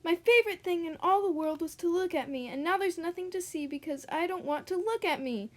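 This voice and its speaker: A woman's voice: fairly high pitch, normal speed. A woman voicing a vain young male horse who pouts and pities himself in a storybook reading. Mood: distressed. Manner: pouting, self-pitying.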